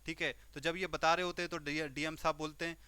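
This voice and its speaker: A man with a high-ish, clean-toned voice and an Indian accent talks fast in a dry recording. His storytelling lecture teaches homeopathy through an acted-out story, full of short bursts, animated character voices and repeated "okay"s.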